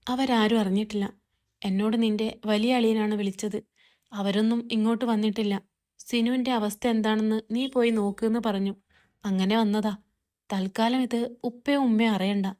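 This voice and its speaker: A woman's voice: a little high, dark tone, close to an everyday voice. A woman voicing a caring older brother who soothes and advises his sister in a read-aloud family story.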